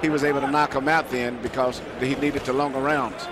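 Male fight analyst, mid-pitched, fast and informal, heavy arena noise behind. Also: flat delivery. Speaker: expert boxing analyst. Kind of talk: live sports commentary.

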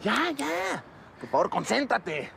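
An exasperated film director. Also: male voice, very high voice, wildly swooping pitch, slow pace, gravelly, bright, forceful tone, exaggerated voice. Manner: exasperated, bossy. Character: stressed film director scolding his actor. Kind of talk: film drama acting. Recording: noisy outdoor set sound.

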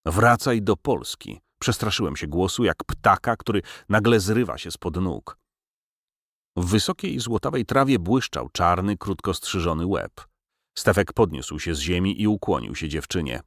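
Low-voiced man reading an audiobook. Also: normal speed, dry recording, clean studio sound. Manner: expressive reading, voicing dialogue with lifted pitch. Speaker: audiobook narrator.

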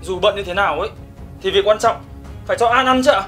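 A worried, earnest young father. His voice rings in a roomy, echoey space. Soft music sits behind him in this drama series. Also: high voice, fast talker. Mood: reproachful.

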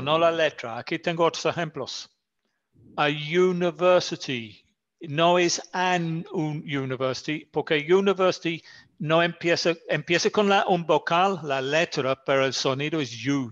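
A man whose first language is English, teaching an English grammar lesson in Spanish, slowly and carefully repeating example words for his student. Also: fairly high pitch, fairly bright tone. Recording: slightly dull lo-fi sound.

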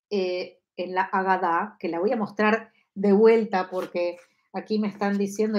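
A woman's voice: mid-range voice, darkish tone. A woman in her fifties with an Argentine Spanish accent, teaching a live online lesson from her home study on a lapel mic, often checking that listeners follow. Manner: explanatory, asks listeners for agreement. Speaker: Kabbalah teacher.

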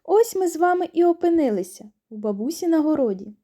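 A woman with a Ukrainian accent teaching young children a speech lesson, speaking in a slow, clearly enunciated sing-song with questions and answers. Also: sits high, lively intonation, mellow. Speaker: preschool teacher.

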